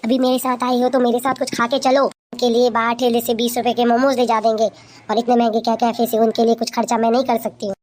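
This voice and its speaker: Bossy cheeky young wife in a family skit, high-pitched and sharp-tongued, acted by a woman. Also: little pitch movement, fast talker, slight background noise, close to an everyday voice. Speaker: scheming daughter-in-law in a family skit. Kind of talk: amateur comic family skit.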